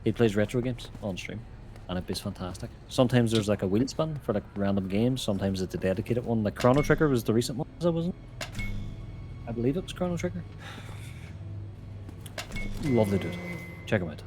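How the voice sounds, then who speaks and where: Low-voiced Irish man, Derry-Donegal accent. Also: expressive, fairly quick, pauses often, over music. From Derry, Northern Ireland. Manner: sweary, banter-filled. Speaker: streamer. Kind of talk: casual co-op gaming stream chat.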